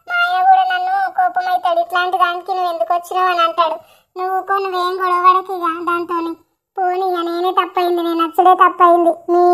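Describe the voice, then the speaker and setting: A woman's voice: very high voice, a bit bright. A woman playing a hurt young married sister visiting her mother, with a plaintive, aggrieved way of talking.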